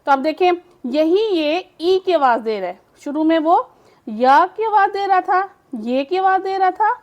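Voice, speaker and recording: A woman teaching English phonics, explaining slowly in Urdu and saying each word twice. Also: very high voice, expressive, darkish tone, dull audio. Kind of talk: slow phonics lesson.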